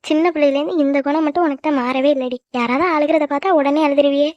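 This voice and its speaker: A woman voicing a tender, emotional middle-aged mother in a cartoon, talking quickly and fondly. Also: high voice, fairly even intonation, a little mellow, no room sound, natural voice. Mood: tearful. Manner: affectionate, quick, tearful at times. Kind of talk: cartoon voice acting. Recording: dry, dull lo-fi recording.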